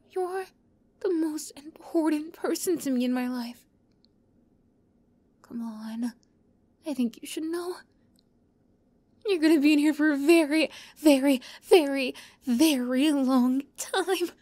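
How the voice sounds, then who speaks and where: A woman voices an obsessive young yandere captor in an ASMR roleplay, close to the mic, swinging between soft whispers and giddy, high-pitched outbursts. She speaks slowly and pauses often, sounding manic and coaxing.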